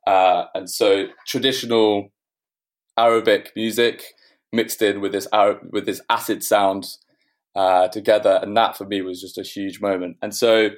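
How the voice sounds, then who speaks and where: Man, low-pitched, interview guest, label owner, rambling, lots of restarts and fillers. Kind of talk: casual interview answer.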